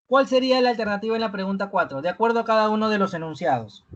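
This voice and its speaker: A teacher giving a live online review class, ending almost every phrase with a questioning "¿no?" and repeating key words slowly for emphasis. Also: mid-range voice, highs cut off.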